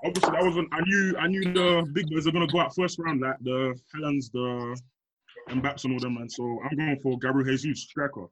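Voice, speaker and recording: Young male, London roadman accent, rapid delivery, blunt slangy football talk, slight background noise. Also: on the high side, steady tone, fairly bright tone, low-quality recording. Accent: London, urban roadman. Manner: slangy, blunt, emphatic, repetitive. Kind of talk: casual football banter and debate.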